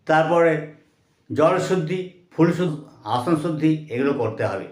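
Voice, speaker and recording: A man teaching a religious lesson who chants Sanskrit mantras slowly, then explains them line by line and firmly corrects common mistakes. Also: fairly high pitch, animated, darkish tone, reverberant.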